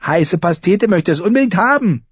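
A man's voice: sits high, animated, moderate pace, slightly rough, dry recording, pitched above the performer's own voice, exaggerated voice. A man voicing a sneering orphan boy who mocks and eggs on the others. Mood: mocking. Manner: mocking, egging on. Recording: slightly muffled recording.

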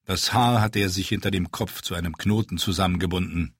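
A man narrating an audiobook in German, reading scripted narration with expressive storytelling. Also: low-pitched, brisk, slightly rough, dry recording, studio quality.

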